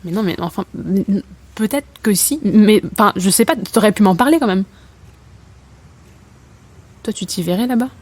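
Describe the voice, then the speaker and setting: Voicing a doubtful, embattled young athlete in French audio fiction, this young adult woman sounds anxious and defensive yet earnest and colloquial. She speaks at medium pitch and a moderate pace with frequent pauses, her darkish, slightly rough voice natural and free of echo.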